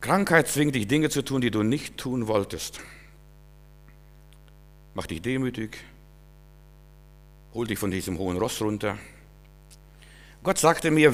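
Man giving a sermon, gets loud then drops low, keeps talking right at you. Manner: exhorting, swings between loud emphatic bursts and quiet low asides; addresses listeners directly, repeats phrases. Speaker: preacher.

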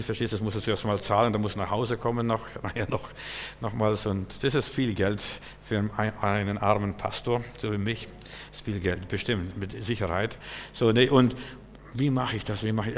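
A man preaching as a pastor, shifting between loud fervent outbursts and quiet, personal storytelling, with frequent repeated words and restarts. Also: on the low side, steady tone, fairly quick, big-room sound, a little hiss or hum. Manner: impassioned, swings from loud exclamations to quiet storytelling. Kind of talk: sermon.

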